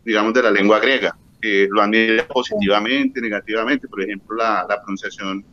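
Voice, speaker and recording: A man from the audience asking a teacher a halting question, on a video call. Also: lowish voice, fairly even intonation, pushed and bright, soft background music. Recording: dull lo-fi video call audio.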